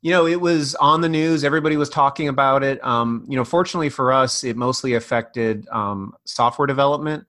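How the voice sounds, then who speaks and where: A man's voice: medium pitch, fairly quick, hardly any pauses, a bit bright, no echo, clean studio sound. A middle-aged American man from North Dakota, talking conversationally as an expert guest in a business interview. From North Dakota, United States. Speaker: IT company owner, interview guest.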